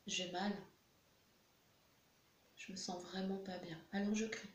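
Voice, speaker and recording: A woman's voice: mid-range voice, flat delivery, takes it slowly, close to an everyday voice. A woman speaking as an upset crying baby. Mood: distressed. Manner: soft first-person voicing of the baby, plain voice. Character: distressed crying baby, then calming. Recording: echoey room with faint hiss.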